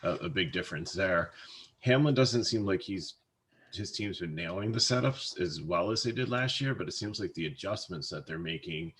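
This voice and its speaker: A deep-voiced man chats casually on a fantasy sports podcast. He hesitates often, repeating words and trailing off as he weighs his picks. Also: lively intonation, moderate pace, fairly bright tone, slight background noise. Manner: hesitant, many restarts and fillers. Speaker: co-host, fantasy sports analyst.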